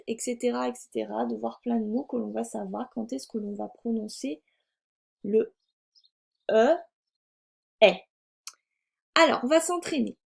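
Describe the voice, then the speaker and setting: A woman primary school teacher from France giving a recorded reading lesson to young children, sounding out syllables slowly and deliberately. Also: on the high side, creaky, a little mellow. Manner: slow, deliberate, over-articulated sounding out of syllables.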